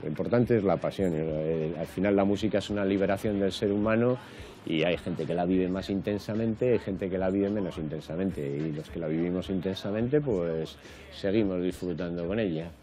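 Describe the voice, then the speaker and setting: Passionate low-voiced man outdoors. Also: moderate pace, mellow, a little hiss or hum. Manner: passionate, emphatic repetition. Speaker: interviewee. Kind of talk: interview talk.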